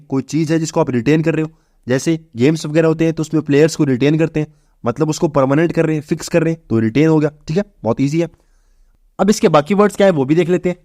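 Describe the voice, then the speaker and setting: A young man teaching exam vocabulary, briskly asking and answering his own questions. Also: a little high, a little mellow, dry recording, studio quality. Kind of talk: exam-prep vocabulary lesson.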